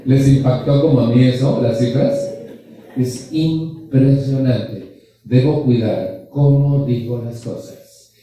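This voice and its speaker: A man with a slow, dark, mid-range voice addresses a group at a support group anniversary. The recording, made from a distance in an echoey hall, catches a blunt, joking motivational talk full of rhetorical questions and slang.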